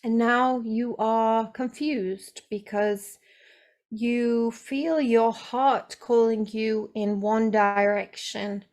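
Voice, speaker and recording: A woman channeling a serene male ascended spirit, speaking slowly and gently, repeating phrases as a spiritual message. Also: a little high, steady tone. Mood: tender, solemn.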